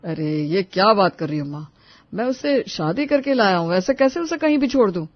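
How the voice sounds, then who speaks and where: A woman voicing a calm, sensible young adult son in a cartoon. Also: mid-range voice, normal speed, no echo, lightly acted. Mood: reasoning. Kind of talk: cartoon voice acting. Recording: dull lo-fi voice-over.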